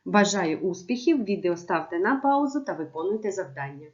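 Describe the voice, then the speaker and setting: Measured woman teacher, lowish voice. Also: animated, highs cut off. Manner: clear, measured teacher instructions. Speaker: primary school teacher. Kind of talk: remote lesson narration.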